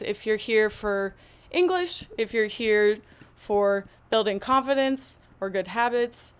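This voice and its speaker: A woman hosting a live online English lesson, speaking slowly and deliberately to learners. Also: medium pitch, clear, resonant tone. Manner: slow, deliberate, encouraging speech.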